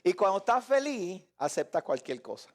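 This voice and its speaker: A man preaching a live Bible lesson, animated, acting out voices and joking with his listeners. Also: high-pitched, normal speed. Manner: animated, acts out voices and shouts; jokes and laughs with listeners.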